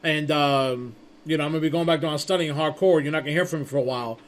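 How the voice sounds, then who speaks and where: Guy teaching a networking course, kinda high voice, rambly and stumbly, chatty like he's telling a buddy a story. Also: fast talker. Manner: rambling with frequent restarts and stumbles; chatty storytelling with acted-out quotes. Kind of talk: casual spoken lecture.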